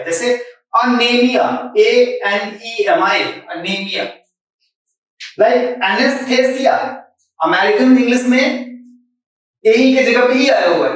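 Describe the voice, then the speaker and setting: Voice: medium pitch, very echoey, far from the mic, low-quality recording. A Hindi-speaking teacher explains English spelling rules, spelling words out letter by letter and mixing in English terms. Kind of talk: spelling lesson.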